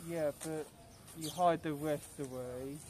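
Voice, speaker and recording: A man's voice: on the high side, fairly even intonation, slow, a little mellow, a little hiss or hum. A man chatting casually and giggling often while he speaks through a costume head. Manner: giggly and playful, laughs often. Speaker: fursuiter. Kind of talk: casual chat.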